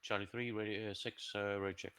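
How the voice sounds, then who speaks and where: A man speaks in terse radio procedure over a game radio, sounding distant and quiet. His low voice stays smooth and flat, with hardly any rise or fall. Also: fairly quick. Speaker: player. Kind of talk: radio chatter.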